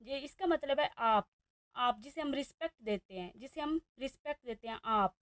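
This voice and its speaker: A woman with a Pakistani Urdu accent teaching a beginner language lesson, saying each new word slowly and repeating it several times. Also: high-pitched, animated, a bit bright, no echo.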